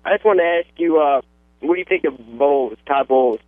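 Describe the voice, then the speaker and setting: A man's voice: on the high side, fairly quick, dry recording. A young man calling in to a radio show over the phone, hesitant and rambling with lots of "like" and "you know". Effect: call-in voice heard over a phone line. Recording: tinny phone line, dry.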